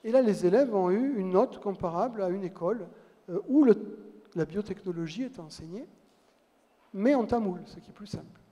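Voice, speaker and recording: A man's voice: high voice, animated, normal speed, warm tone. A man giving a public lecture, telling stories and dropping wry asides. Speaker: conference speaker. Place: large lecture hall. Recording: long hall reverb.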